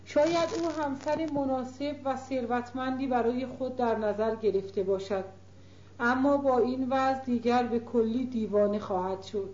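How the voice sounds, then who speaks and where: A woman voicing an older countess who gently and affectionately reasons with her daughter in a storybook reading. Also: a little high, close to an everyday voice. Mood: gently warning. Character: older mother countess, gentle but worried. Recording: roomy, dull lo-fi recording.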